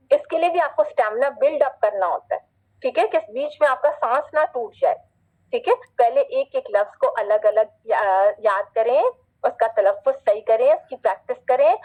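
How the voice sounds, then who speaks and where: Woman, Quran recitation teacher, online class, somewhat high voice, patient, repeats and checks in, slow drawn-out recitation. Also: phone-quality sound. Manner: patient, repetitive, checks in often.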